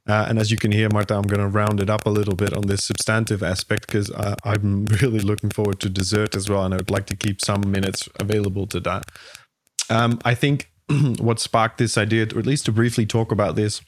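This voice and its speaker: A man's voice: on the low side, little pitch movement, fairly quick, a little hiss or hum. A man co-hosting an academic podcast from his home attic office, speaking with dry, light sarcasm. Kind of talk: casual academic discussion.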